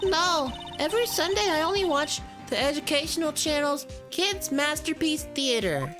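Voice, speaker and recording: A woman voicing an earnest, prim and excitable little girl in video game dialogue, with a childlike way of talking. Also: high voice, normal speed, music in the background. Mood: curious.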